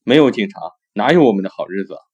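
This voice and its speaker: Old robber boss lecturing his apprentice, gruff and earnest , as a male narrator puts him on, muffled lo-fi sound. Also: lowish voice, expressive, very fast, a little mellow. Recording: dull lo-fi recording.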